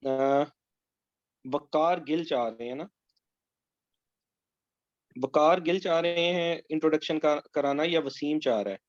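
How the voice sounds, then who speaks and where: A man's voice: a little high, a little slow, pauses often, dry recording. A man coaching candidates in a mock interview over a video call, giving corrections. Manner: instructive, gives corrections. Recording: muffled online call audio.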